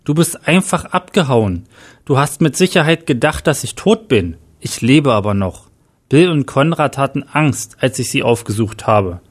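A man voicing a disfigured half-faced man who turns from eerie stranger to warm, earnest friend, speaking slowly and low at first. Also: lively intonation, breathy edge.

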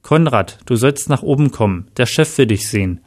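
A man's voice: medium pitch, expressive, moderate pace, close to an everyday voice. Man doing tense, shaky young woman, storybook thriller. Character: frightened young woman, secretary under stress.

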